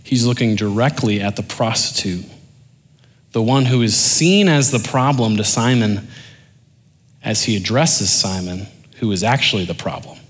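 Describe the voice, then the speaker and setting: A man preaching a sermon, animated and joking with the congregation, then dropping into quiet intensity. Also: lowish voice, moderate pace. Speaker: pastor.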